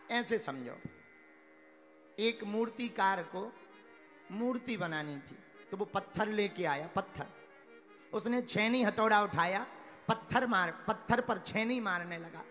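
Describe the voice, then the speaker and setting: A man giving a devotional sermon in story form, animated, addressing the crowd directly and calling for responses. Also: high-pitched. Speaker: religious storyteller. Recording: echoey hall with faint music.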